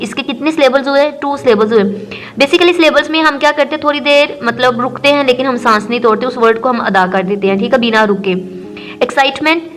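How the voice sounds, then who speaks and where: Woman teacher, high bright voice, patient classroom explainer, faint music under her. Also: rough recording. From Pakistan. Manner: reads English lines slowly, then explains them in Urdu. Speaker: English teacher. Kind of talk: explaining a textbook lesson.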